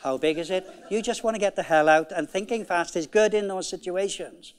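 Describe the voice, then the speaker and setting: A man's voice: high-pitched, fairly quick, clean tone. A man giving a conference keynote talk in an emphatic, conversational way, often repeating key phrases. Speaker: keynote speaker. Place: conference hall.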